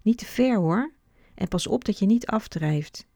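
Caring older girl, calm warnings, mellow tone, woman reading. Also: medium pitch, measured pace, gravelly, dry recording, clean studio sound. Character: caring older girl who looks after the others.

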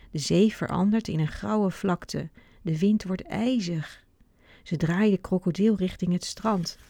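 Gravelly woman reading a storybook. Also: fairly low pitch, dry recording, clean studio sound. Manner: calm, steady read-aloud. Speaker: narrator.

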